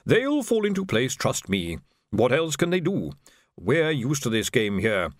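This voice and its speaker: A calm conspirator drawls his reassurances slowly, as a narrator plays him. He sounds knowing and unhurried, with lively intonation and a dry sound. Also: medium pitch, no echo. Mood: assured. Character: smooth, knowing male doctor conspirator.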